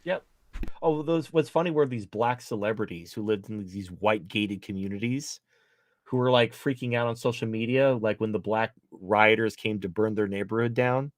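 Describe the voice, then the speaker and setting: A man's voice: on the low side, normal speed, dry recording, clean studio sound. A man as a podcast guest, ranting bluntly in casual political chat, swearing often and restarting his sentences.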